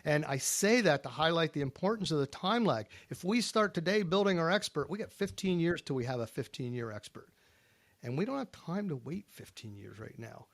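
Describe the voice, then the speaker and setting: Emphatic folksy man, fairly high voice. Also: expressive, fairly quick, dry recording. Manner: emphatic, folksy, rhetorical questions. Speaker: podcast panelist. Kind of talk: casual panel discussion.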